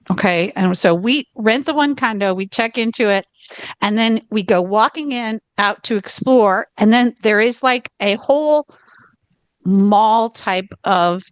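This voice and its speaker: This podcast co-host is an American woman with a Southern drawl, and she rambles through a long travel story in casual conversation. Her mid-range voice comes through with no room sound, and she keeps pausing on "okay."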